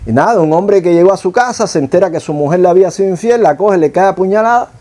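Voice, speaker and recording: A middle-aged man with a Cuban accent preaches a sermon. His voice sits high for a man, with a soft, mellow tone. He builds his points through anecdotes and rhetorical questions. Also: expressive, quick pace. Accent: Cuban Spanish.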